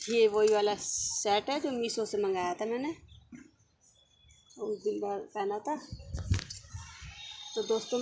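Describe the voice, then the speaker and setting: A woman's voice: medium pitch, background noise. A young adult woman vlogger talking frankly and casually to her viewers, opinionated and chatty. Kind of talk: casual vlog talk to viewers.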